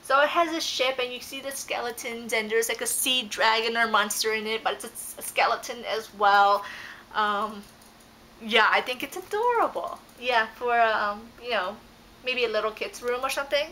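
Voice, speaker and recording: With a fairly high, bright and forceful voice at a moderate pace, a young Dutch-native woman presents her cross-stitch craft haul from her living room couch. She rambles casually, full of ums and self-corrections, while a fixed camera close by makes a rough recording with a little hiss or hum.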